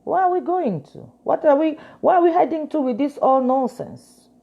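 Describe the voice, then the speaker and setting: A woman lawyer offers casual yet earnest, insistent commentary, alternating between French and English and repeating her main points. Her voice sits high, expressive, at normal speed, with vocal fry, and the recording's highs are cut off.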